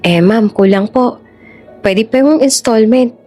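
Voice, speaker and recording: A woman voicing a brisk, encouraging young nurse who coaches a patient in a high, urgent voice. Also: dark tone, faint music behind. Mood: kind.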